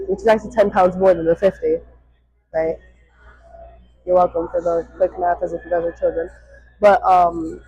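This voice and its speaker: A woman's voice: on the low side, warm tone, breathy edge. A woman giving casual, chatty exercise instruction as a fitness vlogger, rambling and self-deprecating while exerting herself. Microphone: worn microphone. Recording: dull, slightly muffled audio.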